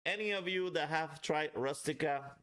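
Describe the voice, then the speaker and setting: A man's voice: a little high, moderate pace, fairly bright tone. A man hosting a casual live review and chat, talking directly to viewers in a chatty way. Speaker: livestream host and pipe reviewer.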